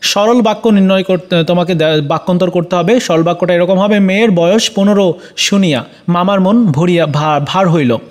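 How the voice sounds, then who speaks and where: A man with a Bangladeshi Bengali accent walks students through exam answers, talking to them directly and filling pauses with frequent "ah"s and quick self-corrections. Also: sits high. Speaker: teacher. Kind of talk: exam solution walkthrough.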